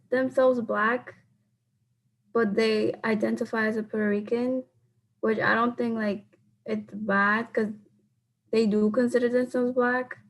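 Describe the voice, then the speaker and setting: A young adult woman with a fairly high voice presents a speech for class by video call, captured in a low-quality recording. Earnest throughout, she fills her off-the-cuff answers to questions with lots of "like."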